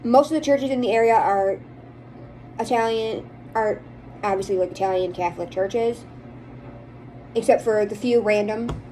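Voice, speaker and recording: A woman's voice: medium pitch, moderate pace, pauses often, warm tone, slight background noise, rough recording. An American woman chatting casually to viewers in a rambling, opinionated way, as a vlogger does. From United States. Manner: rambling, chatty, emphatic about likes and dislikes. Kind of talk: casual chit-chat to viewers.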